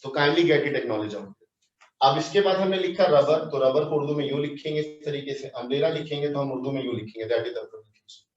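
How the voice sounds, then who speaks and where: A man's voice: on the high side, a little fast, darkish tone. A man from Pakistan giving an English grammar lesson in a classroom, peppering it with questions to his students. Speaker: English teacher. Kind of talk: classroom lecture, mixing English phrases into Urdu. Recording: dull, roomy, distant online class audio.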